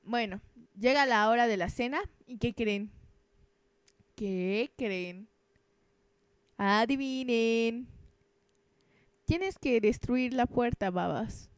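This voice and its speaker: A woman's voice: a little high, slow pace, dry recording. A young woman, joking and rambling in a self-mocking, crude way while commenting on a game. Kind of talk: casual gameplay commentary.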